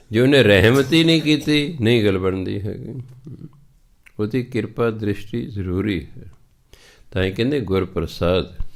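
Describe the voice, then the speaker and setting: A man with a Punjabi accent preaching a scripture exposition, explaining verses and chanting them slowly. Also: fairly low pitch. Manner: slow, chants scripture lines in a drawn-out cadence. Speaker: religious preacher.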